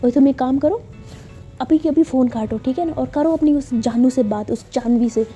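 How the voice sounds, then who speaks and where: A woman's voice: sits high, moderate pace, warm tone, faint music behind, close to an everyday voice. A woman voicing a jealous, hot-tempered young woman who scolds sharply and sulks. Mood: angry, accusing.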